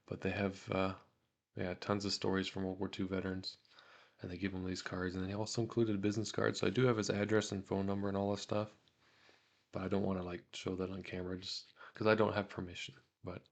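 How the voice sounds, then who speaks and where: A young man hosting a casual hobby vlog, reading veterans' letters aloud and talking with many fillers and pauses. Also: low voice, vocal fry. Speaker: autograph collector vlogger.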